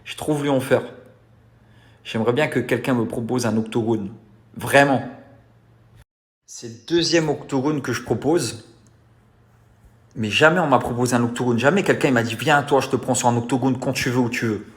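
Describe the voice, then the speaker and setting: Man, mid-pitched, casual vlog talk, cocky and goading, repeats himself. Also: normal speed, long pauses. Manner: boastful, challenging, repetitive.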